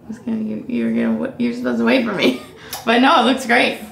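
A young woman chatting casually about her home, upbeat and quick to laugh. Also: on the high side, sing-song, creaky, a bit bright. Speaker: vlogger. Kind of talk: casual home tour chat. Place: bathroom of a new house.

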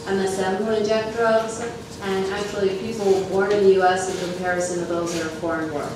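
A woman's voice: medium pitch, little pitch movement, fairly quick. A woman steadily walking a meeting through a data chart. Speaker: data presenter. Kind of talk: reading out chart findings. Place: large meeting room. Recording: echoey room from far off, noisy.

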